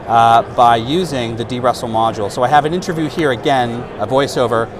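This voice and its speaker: At a trade-show booth, a man in his thirties, a product specialist, demonstrates software in a relaxed, explanatory way with occasional fillers. He speaks briskly at medium pitch, and his lapel mic catches a steady wash of hall noise.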